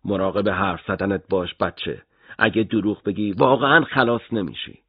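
A cruel middle-aged interrogator, played by a male narrator threatens and taunts in a low, husky voice. The delivery swings between soft menace and sharp outbursts. The recording is dry and dull. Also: dry recording. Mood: threatening.

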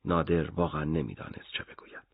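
A man reading a first-person audiobook story in a grim, measured way. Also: very deep voice, fairly even intonation, gravelly, slightly rough, no echo, phone-quality sound. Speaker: narrator.

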